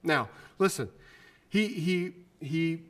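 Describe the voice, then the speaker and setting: A male pastor preaching a sermon in a conversational way, often restarting his sentences and acting out the quoted voices. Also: slow pace. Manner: acts out quoted voices with lively pitch swings.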